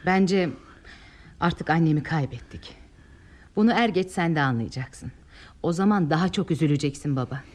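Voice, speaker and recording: An actress playing an anguished, defiant adult daughter in old radio theatre style, earnest and formally articulated. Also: female voice, low-pitched, moderate pace, long pauses, a little mellow. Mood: hurt, resigned. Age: late 30s.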